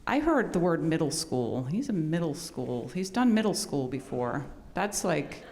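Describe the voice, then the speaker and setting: A woman giving an informal welcome and introduction as host of a live event, chatty and halting, with improvised asides. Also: deep voice, sing-song, warm tone. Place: large indoor event space. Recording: reverberant hall sound.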